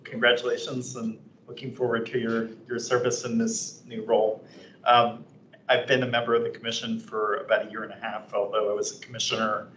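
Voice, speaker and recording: A commissioner briefly and courteously introducing himself at a public meeting. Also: male voice, on the low side, flat delivery, fairly quick, a bit bright, muffled recording, a little hiss or hum. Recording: echoey room.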